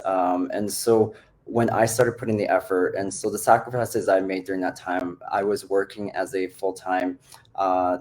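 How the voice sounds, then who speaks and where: Male coach born in the Philippines, very low voice, relaxed and filler-heavy, on a video call. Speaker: business coach. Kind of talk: casual online group call.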